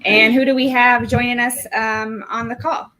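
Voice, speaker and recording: A woman's voice: on the high side, little pitch movement, moderate pace, pushed and bright. A woman from Missouri, a learning coach, answering school podcast questions in a plain, direct way. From Missouri, USA. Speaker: digital learning coach, guest. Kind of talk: casual interview answers.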